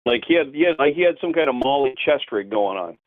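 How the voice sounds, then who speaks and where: A man's voice: mid-range voice, animated, quick pace, dry recording. Joking man on a tinny phone line. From Canada. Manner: joking, teasing banter. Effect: over the phone. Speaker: caller. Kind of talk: casual call-in chat.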